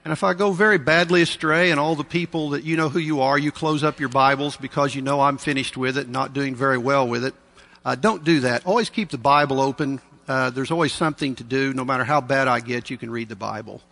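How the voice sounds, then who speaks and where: Man at a pulpit microphone, gravelly. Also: mid-range voice, sharp tone. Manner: measured, earnest, with dry asides. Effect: preaching into a pulpit microphone. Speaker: preacher. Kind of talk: sermon. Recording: long reverb of a large hall.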